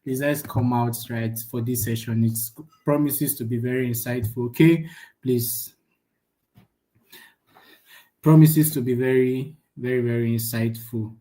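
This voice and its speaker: A young man teaches a live online class in a chatty, casual way, often checking in with the audience and tagging lines with "right?" His medium-pitched voice is unhurried, with long pauses and lively jumps in loudness. The recording quality is low.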